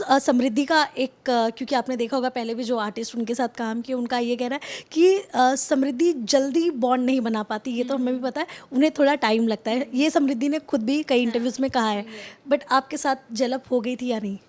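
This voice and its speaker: Woman interviewer, high-pitched, casual and probing questions. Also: a little fast, few pauses, darkish tone. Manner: conversational, probing, filler "अ" between phrases.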